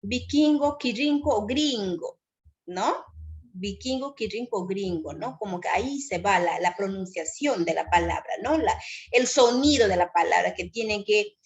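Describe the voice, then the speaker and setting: A woman whose first language is Shipibo-Conibo, teaching a class at a slow, pausing pace and often checking in with her listeners. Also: medium pitch, animated. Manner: slow, pausing, frequent "¿no?" tag. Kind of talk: lecture on loanwords.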